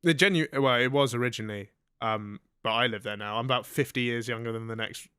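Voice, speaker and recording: A man's voice: medium pitch, fast, a bit bright, clear, resonant tone, dry recording, clean studio sound. A young man co-hosting a comedy radio-style podcast, reading news items and adding sarcastic jokes. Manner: joking, reads news items with sarcastic asides. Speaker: co-host. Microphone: studio microphone.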